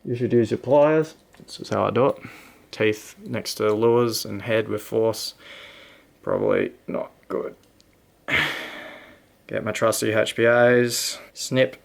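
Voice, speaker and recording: A man casually talking through how he ties a fishing knot, relaxed and matter-of-fact as he works with his hands. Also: lowish voice, slow pace, gravelly, long pauses. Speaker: fishing channel host. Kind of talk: casual knot-tying tutorial.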